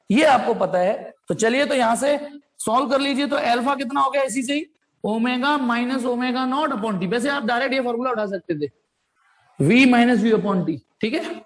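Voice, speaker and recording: A physics teacher giving an informal lecture, talking students through sums step by step and mixing in English technical terms. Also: medium pitch. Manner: chatty, works sums aloud, calls students "beta".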